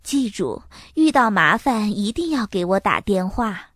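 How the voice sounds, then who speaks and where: A woman reading a storybook aloud and voicing a busy mother who speaks in a calm, lower, measured tone. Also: no echo, studio quality. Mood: firm. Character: mother, busy and firm but gentle.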